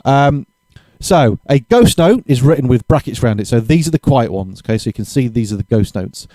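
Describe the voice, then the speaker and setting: Relaxed man teaching drums. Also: mid-range voice, fairly quick, no echo. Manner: relaxed, chatty, self-correcting, counts beats aloud. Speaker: drum teacher. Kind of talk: casual spoken lesson. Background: drumming between explanations.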